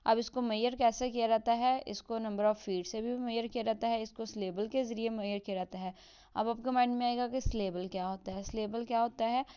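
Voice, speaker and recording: A woman explaining a literature lesson, mixing English terms into her Hindi and reading example lines slowly. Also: fairly high pitch, fairly even intonation, dark tone, clear, resonant tone, dull audio. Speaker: teacher.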